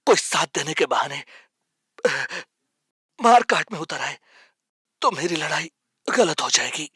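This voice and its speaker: A man voicing a nonviolent hero who appeals calmly for peace. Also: a little high, measured pace, breathy edge, dry recording, studio quality, full character voice. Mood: appealing. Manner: calm, appealing. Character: nonviolent male hero on hunger strike. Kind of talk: Hindi film dub.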